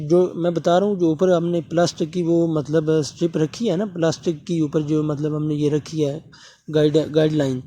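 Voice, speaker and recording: A man's voice: on the high side, dark tone, slight background noise. A man from Pakistan explaining a motor repair at his workbench, talking while he works and often checking in with the viewer. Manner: talks while working, often asking viewers to subscribe; repeats fillers and checks in with the viewer. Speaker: electronics repair technician. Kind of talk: hands-on repair tutorial.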